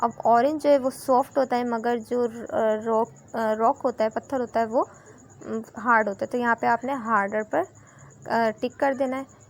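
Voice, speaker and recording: High-voiced Pakistani woman teaching grammar. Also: steady tone. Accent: Pakistani Urdu. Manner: slow, careful reading of English examples, then explaining in Urdu-Hindi. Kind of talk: recorded grammar lesson.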